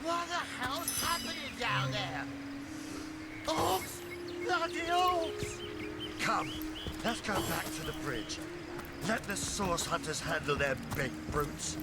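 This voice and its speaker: Dopey, high-pitched bellowing guard. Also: male voice, lively intonation, slow, heavily acted. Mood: alarmed. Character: dopey blustering male legion guard, zealous and suspicious. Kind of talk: fantasy video game voice acting. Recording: loud music under the voice.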